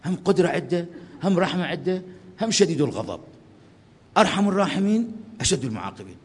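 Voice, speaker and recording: A male preacher with an Iraqi accent delivers a fast, impassioned sermon in a somewhat high voice. He swings between fervent calls and hushed, pleading prayer. A long reverb rings around him in the large hall. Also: big pitch swings, husky. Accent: Iraqi Arabic.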